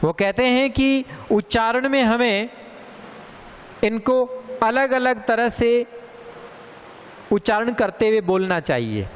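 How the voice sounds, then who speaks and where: A man giving a pronunciation lesson at a slow, careful pace, repeating words to drive home the correct form. His voice sits fairly high and moves a lot. The sound carries a long reverb with faint background noise. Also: expressive. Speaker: teacher. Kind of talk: Hindi grammar lesson.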